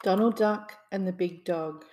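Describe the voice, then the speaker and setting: A woman reading a children's bedtime story aloud in a gentle, soothing storyteller manner. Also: on the low side, a little slow, music in the background.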